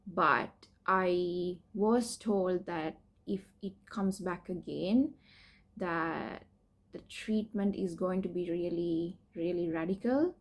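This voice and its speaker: Speaking slowly in a voice on the low side, a young woman from Sri Lanka who is doing a PhD shares her cancer story and treatment on a candid vlog. Her delivery is hesitant, full of fillers and soft little laughs.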